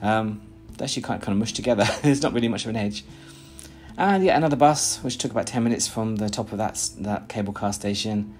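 This fairly low, slightly mellow male voice comes from a British man in his thirties, talking fast and animatedly as he vlogs and narrates from a small plain room. He rambles chattily, full of fillers and restarts, over faint background music.

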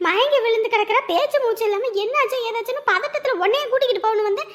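A shrill, bickering old village mother in a cartoon. She talks in a very high, piercing voice and wails and nags without pause. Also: crowd noise. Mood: scolding. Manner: shrill, quarrelsome, wailing. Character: loud scolding village mother, older woman. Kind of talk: cartoon voice acting.

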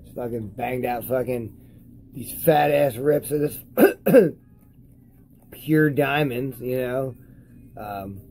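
Stoned, rambling man with a dark voice. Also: mid-range voice, takes it slowly, long pauses, rough recording. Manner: rambling, profane, loses his train of thought. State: high on cannabis. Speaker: cannabis vlogger. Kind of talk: casual stoned rambling to camera.

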